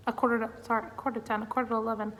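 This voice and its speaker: Laughing a lot, a young woman studying music vlogs giddily and chattily from a big, empty practice hall. She talks rapid-fire in a fairly high, flat, slightly bright voice, with echo and faint room noise around her.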